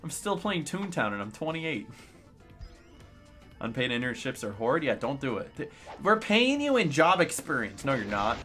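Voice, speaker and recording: A man's voice: medium pitch, big pitch swings, normal speed, bright, forceful tone, faint music behind. A man in his late twenties streaming a game, chatting casually, ranting with sarcasm as he answers chat. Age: late 20s. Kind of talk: casual livestream chat while playing a game.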